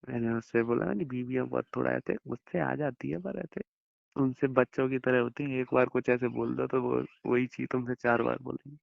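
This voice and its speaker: A man's voice: medium pitch, steady tone, brisk, gravelly, no echo. A young man on an intimate phone call with his wife, reassuring her and rambling through long explanations. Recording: muffled phone call recording.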